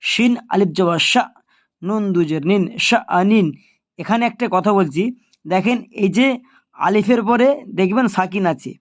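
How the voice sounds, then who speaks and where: A man's voice: high voice, moderate pace, dry recording. A man teaching Quran reading in Bengali style, patiently spelling out each syllable and then blending the sounds together. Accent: Bangladeshi Bengali. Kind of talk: spelling-out recitation lesson.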